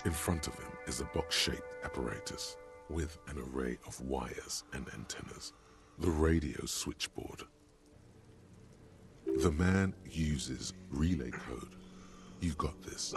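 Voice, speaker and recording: A very deep, solemn game narrator. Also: male voice, gravelly, music in the background, full character voice. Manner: measured, descriptive narration.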